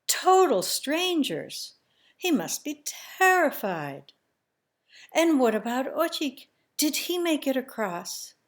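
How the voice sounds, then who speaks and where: A woman telling a family story in the first person, slow and emotional, sometimes dropping to a hushed near-whisper. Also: on the high side.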